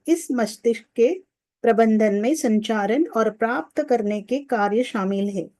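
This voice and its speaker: A woman narrating a spiritual audiobook in a steady, even reading voice, recorded close to the mic in a studio booth. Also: fairly high pitch, no room sound.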